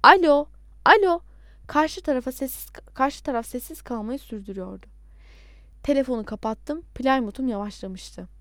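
A woman narrating a novel in an expressive storytelling manner. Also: on the high side, normal speed, no echo, clean studio sound. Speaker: audiobook narrator. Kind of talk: scripted audiobook narration.

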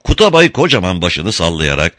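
A man narrates a novel as an audiobook, very deep yet bright in tone. His delivery is expressive and swings widely in pitch. The recording is dry and close. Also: a little fast, no echo.

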